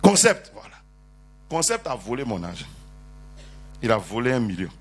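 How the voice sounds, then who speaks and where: A man preaching a sermon as bishop, calling on the congregation to answer amen, teasing them with jokes and rising to loud prophetic declarations. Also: medium pitch, moderate pace, breathy edge. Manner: animated preaching with call-and-response.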